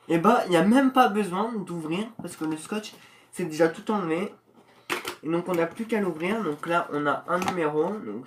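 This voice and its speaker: A host giving casual unboxing commentary in a chatty, slangy way with many hesitations, getting excited while opening the package. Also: mid-range voice, slight background noise.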